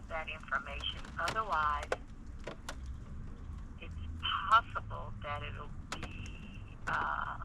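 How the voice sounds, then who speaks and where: A man speaking over the phone as a court clerk, hesitant and informal in an unscripted conversation. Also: a little high. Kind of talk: helpful but unsure phone conversation. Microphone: telephone. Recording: noisy telephone line.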